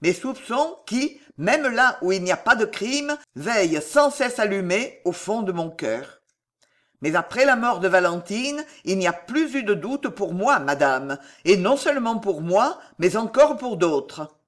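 A man's voice: sits high, unhurried, full character voice. Brief: icy accusing magistrate husband, varied delivery, read by a man. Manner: calm, cutting, accusing. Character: cold stern magistrate husband.

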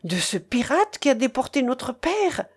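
A woman's voice: high voice, big pitch swings, a little slow, slightly rough, voice pushed up, heavily acted. A woman voicing a young heroine, tender and emotional, speaking in a raised, pleading way.

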